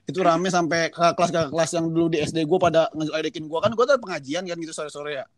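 A young man with a high voice talks fast and swears nonstop as he tells an embarrassing childhood story in a casual chat. He's lively and self-mocking, and the recording has no echo.

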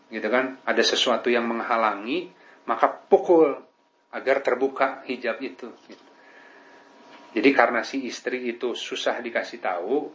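A man's voice: mid-range voice, fairly bright tone. A man giving a casual religious lesson as a preacher, talking conversationally and often asking "right?". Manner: conversational, peppered with tag questions. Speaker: Islamic preacher. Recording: dull lo-fi recording.

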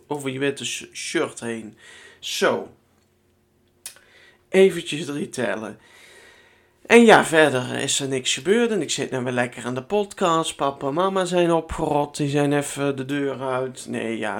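A man's voice: mid-range voice, vocal fry. A young Dutch man hosting his own podcast from home, chatting in a rambling, chatty way and swearing casually. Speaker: podcast host. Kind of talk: casual solo podcast chat.

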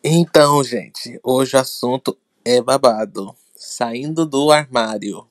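A Brazilian man co-hosting a podcast in casual chat, often halting and repeating words as he explains. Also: medium pitch. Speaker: podcast co-host.

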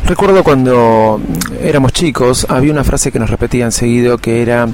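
A man's voice: medium pitch, fairly quick, darkish tone, soft background music. A middle-aged man with an Argentine accent hosting a podcast in a casual, rambling monologue full of anecdote. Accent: Argentine Spanish. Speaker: podcast host.

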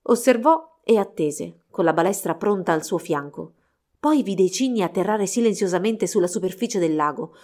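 A woman narrating a fairy tale storybook in a steady, expressive reading. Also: medium pitch, moderate pace.

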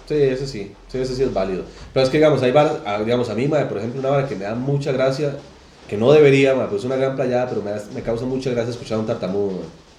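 A man's voice: medium pitch, rapid-fire, dark tone, roomy sound, a little hiss or hum. A Costa Rican man with a Costa Rican accent, chatting casually as a podcast co-host and telling slangy stories. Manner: slangy, storytelling, laughs often. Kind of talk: casual chat.

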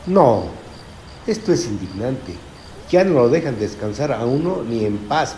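Un hombre que da voz a un abuelo fantasma viejo, gruñón e indignado. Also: male voice, medium pitch, sing-song, a little slow, mellow, reverberant, soft background music, rough recording. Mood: indignant. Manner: indignant, grumbling. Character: grumpy old grandfather ghost.

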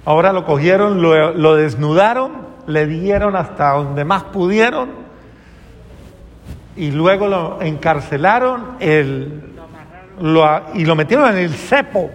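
A man's voice: a little high, slow, long reverb tail. A man, a priest, delivering an earnest, moralizing sermon full of rhetorical questions.

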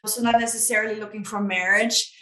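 Speaking briskly at medium pitch, she keeps her intonation fairly even and her tone slightly bright. The native German speaker from Austria gives relaxed, explanatory interview answers about her business, leaning on "you know," while the recording sounds roomy and full of echo.

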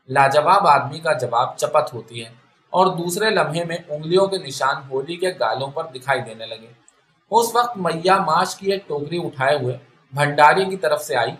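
A man reads a literary story aloud in a steady, even way. His voice sits a little high for a man. The recording carries a clear roomy echo. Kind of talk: scripted story narration. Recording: echoey room.

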